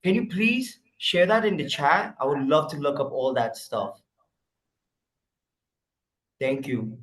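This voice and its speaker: A man's voice: fairly high pitch, big pitch swings, slow pace, a bit bright. Courteous, earnest man on a group call. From Moroccan heritage. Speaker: call participant. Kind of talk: casual group call chat.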